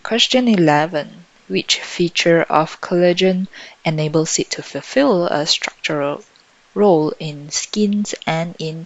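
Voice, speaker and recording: A woman tutor thinking out loud as she works through exam questions in a lesson, on a dull lo-fi microphone. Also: lowish voice, no room sound. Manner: thinking out loud while solving. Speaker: biology tutor.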